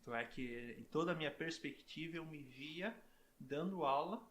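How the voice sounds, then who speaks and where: A middle-aged man from southern Brazil, a professor talking as a guest in a relaxed interview, chatty and full of "né?" tags and restarts. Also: on the high side, moderate pace, a little hiss or hum.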